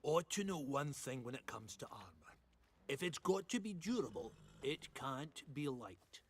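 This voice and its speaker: An actor playing a sarcastic, boastful middle-aged blacksmith who laughs and teases in video game dialogue. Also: male voice, medium pitch, sing-song, unhurried, a little hiss or hum.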